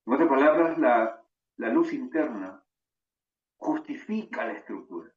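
A man with a Rioplatense Spanish accent teaching a religious class, animated and storytelling, often tagging "no?" onto his sentences. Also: mid-range voice, measured pace. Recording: distant, roomy, dull sound.

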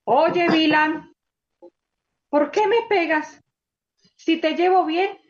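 Lady doing a scared little talking donkey, high pleading voice, kinda muffled recording. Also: slow pace. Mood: complaining. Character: timid talking female donkey, plaintive.

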